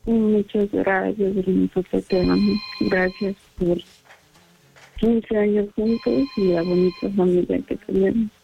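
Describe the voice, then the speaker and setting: A woman's voice: mid-range voice, little pitch movement, measured pace, vocal fry. A woman on a radio show call, giving short, sincere replies by phone. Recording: muffled telephone line, music behind.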